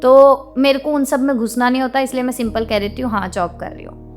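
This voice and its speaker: Young woman vlogger, higher voice, outspoken and indignant rant, faint music underneath. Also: steady tone, brisk. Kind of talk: venting monologue to camera.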